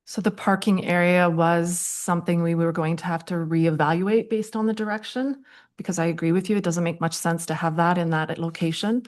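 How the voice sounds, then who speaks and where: A woman from town staff fielding questions at a council meeting. She speaks in a measured, slightly low voice, pausing with ums as she weighs options. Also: fairly even intonation, darkish tone. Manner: measured, many ums, repeats "accordingly". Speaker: municipal staff member.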